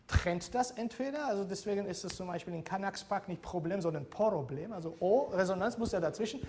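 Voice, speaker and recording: A man's voice: sits high, a little mellow, slight background noise. A man teaching a university seminar, explaining step by step and often checking in with the class. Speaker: university lecturer. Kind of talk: seminar lecture.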